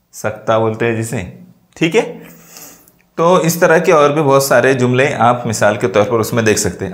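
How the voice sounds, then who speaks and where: A man teaching a grammar lesson, explaining slowly and checking often that students follow. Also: medium pitch. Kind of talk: classroom lesson.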